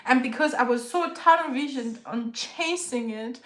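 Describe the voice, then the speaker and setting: A woman's voice: sits high, moderate pace, a bit bright, roomy sound. A woman from Zimbabwe co-hosting a casual podcast, reflective and earnest, often breaking into laughter. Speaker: podcast co-host.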